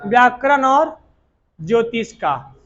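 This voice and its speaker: Man, high voice, slow call-and-response classroom drilling, muffled lo-fi audio. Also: expressive, fairly bright tone. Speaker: teacher. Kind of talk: classroom lecture.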